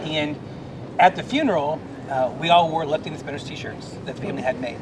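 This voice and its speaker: Middle-aged man, warmly earnest, rambling, high voice, steady rumble behind. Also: brisk. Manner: earnest, emotional, rambling with restarts. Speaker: Salvation Army officer. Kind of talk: casual chat. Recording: noisy background rumble.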